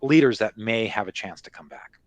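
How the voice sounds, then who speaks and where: A man's voice: lowish voice, brisk, dry recording. A man giving unscripted market commentary as an analyst, explaining things conversationally with frequent little check-in phrases. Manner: conversational, explanatory, peppered with "you know" and "right?".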